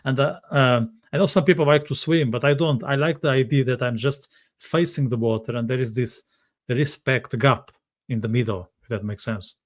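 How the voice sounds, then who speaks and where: A man hosting a casual interview, talking in a halting way and often repeating his phrases. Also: medium pitch. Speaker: podcast host.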